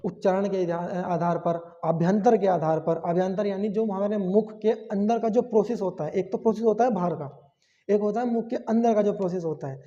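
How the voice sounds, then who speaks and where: A man's voice: sits high, a little fast, mellow. Man, teacher, classroom lesson, asks and answers himself, dull muffled sound. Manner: explains step by step, asks and answers own questions. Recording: dull sound with long hall reverb.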